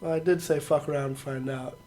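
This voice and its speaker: A man co-hosting a podcast, chatting casually and swearing freely. His voice sits a little higher than most men's, with a faint hiss of noise in the recording. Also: fairly even intonation, a little fast, mellow. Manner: laid-back, swears casually. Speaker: podcast co-host.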